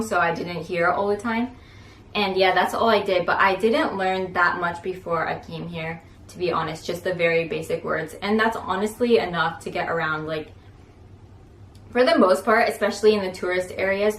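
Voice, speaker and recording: A young adult woman vlogs casually from indoors at home, chatting away with plenty of "like" fillers. Her voice is fairly low and fairly bright, and the recording has a roomy echo, faint noise, and sounds distant from the mic.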